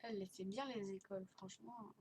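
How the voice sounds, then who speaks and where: Her medium-pitched voice moves a little fast with fairly even intonation as she hosts a casual game tour for her gaming video channel. She is hesitant and rambling, speaking through a barely opened mouth with S sounds slurred by dental elastics, over clicking in a noisy home recording.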